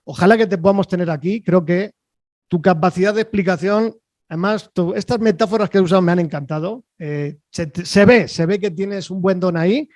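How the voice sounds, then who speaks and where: A man with a fairly high voice hosts an online interview from a video call, talking in a loose, chatty way with plenty of fillers. His sound is dry and close, with no room around it. He keeps checking in with his guest as he goes. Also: brisk, darkish tone, no echo. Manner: chatty, rambling, with frequent fillers and "¿vale?" tags. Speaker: host.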